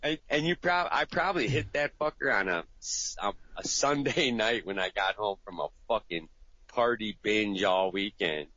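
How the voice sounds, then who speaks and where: Bright-voiced profane man, lo-fi recording. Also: animated, normal speed, no echo. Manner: profane, acts out voices in a high pitch. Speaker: podcast co-host. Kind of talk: casual comedic chat. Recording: dull lo-fi recording.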